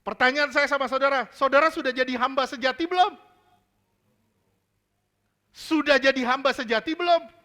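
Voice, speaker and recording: A male pastor delivers a sermon with a high, bright, forceful voice. He drives his points home by repeating them and putting questions straight to the congregation. Casual slang slips into his preaching. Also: normal speed, pauses often. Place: church service.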